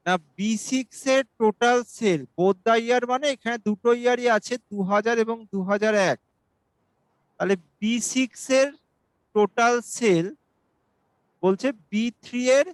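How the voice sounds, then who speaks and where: A male mathematics teacher giving an exam-prep lesson, explaining each step slowly and reading questions aloud. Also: sits high, smooth, no echo, poor audio. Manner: asks students for doubts.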